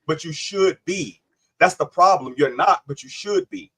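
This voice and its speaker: A man's voice: fairly high pitch, wildly swooping pitch, normal speed, bright, forceful tone, slight background noise. A man hosting a live online panel, debating insistently, cutting in and repeating his questions. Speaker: livestream host.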